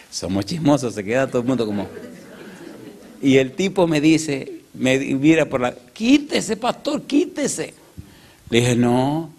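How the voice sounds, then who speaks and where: A male pastor preaches in a church, telling a story and animatedly acting out its characters' voices. He speaks in a mid-range voice at a slow pace with long pauses.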